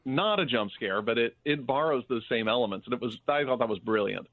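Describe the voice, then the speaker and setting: A man co-hosting a casual podcast chat, an animated storyteller who acts out quotes. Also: mid-range voice, fairly quick. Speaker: podcast co-host. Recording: tinny phone-like dry sound.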